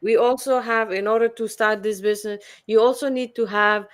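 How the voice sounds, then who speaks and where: Woman, 40s, earnest persuasive pitch, lots of uh and restarts. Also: fairly even intonation, a little fast. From Fiji. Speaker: guest, online business mentor. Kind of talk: promotional personal-story talk.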